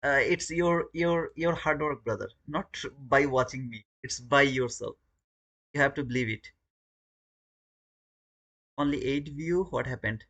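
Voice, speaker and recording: Pausing often at a measured pace, a man from Bangladesh hosts a live trading stream in a medium-pitched, fairly bright voice. The recording is low quality, and he chats casually in Bangladeshi English, frequently repeating words.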